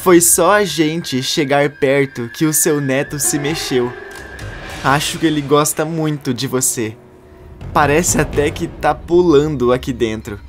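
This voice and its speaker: A man's voice: on the high side, measured pace, soft background music, pitched above the performer's own voice, lightly acted. A man with a Brazilian accent voicing a tearful young pregnant woman, in a pleading manner.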